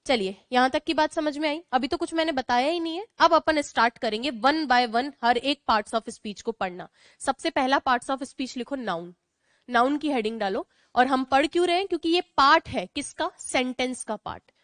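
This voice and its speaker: A woman's voice: high-pitched, expressive, moderate pace, a bit bright, no room sound. A woman with an Indian accent teaching an online English grammar class, explaining in Hindi mixed with English, repeating points and asking the class questions.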